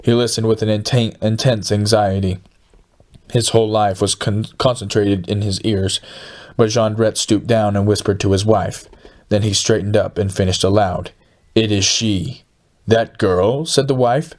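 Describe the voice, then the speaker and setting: A man with a lowish voice narrates an audiobook. He reads in a steady, measured way.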